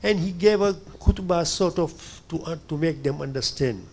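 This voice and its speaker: An older man from Tanzania speaks up from the audience in a somewhat high voice for a man. He talks hesitantly and keeps pausing to gather his words. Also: a little mellow. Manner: hesitant, fills pauses with "you know". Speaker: audience member asking a question.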